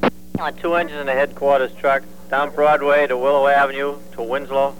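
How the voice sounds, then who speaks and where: A man's voice: mid-range voice, flat delivery, a little fast, narrow, tinny audio. Guy doing urgent fire dispatch on two way radio, terse and formal, repeats stuff, super noisy hum. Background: hum and radio noise.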